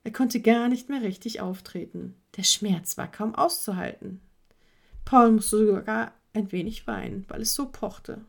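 A woman narrating a children's story in an expressive, dramatic storytelling manner. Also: mid-range voice, a little slow, creaky.

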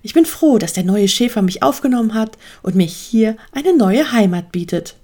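Woman doing a mild friendly sheep guy from a storybook, lively voice. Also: on the high side, normal speed. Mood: calm. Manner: mild, puzzled, reasonable.

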